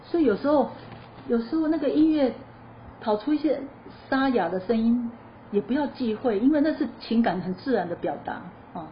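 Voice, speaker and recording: A woman teaching a choir lesson, explaining musical phrasing in a lively, chatty way and asking her listeners questions before answering them. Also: on the high side, normal speed. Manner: lively explanatory, sings short demo phrases. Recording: slightly dull lo-fi recording with faint noise.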